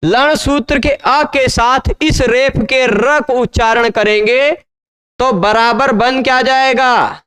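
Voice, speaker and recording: A man teaching grammar in a slow classroom lecture, spelling out syllables and often checking that students follow. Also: extremely high pitch, fairly even intonation, sharp tone, clear, resonant tone. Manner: patient, repeats syllables and checks understanding often.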